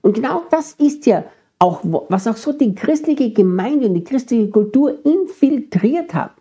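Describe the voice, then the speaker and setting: A man's voice: very high voice, expressive, moderate pace, warm tone, breathy edge. A middle-aged man with an Austrian accent preaching a sermon, earnestly addressing his congregation. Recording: dull lo-fi sermon recording.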